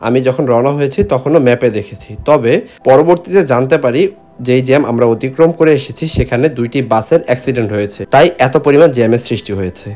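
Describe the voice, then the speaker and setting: A man's voice: mid-range voice, fast talker, a little mellow, faint music behind. A man narrating a travel vlog in a scripted voice-over, describing and reviewing a bus journey. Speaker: travel vlogger.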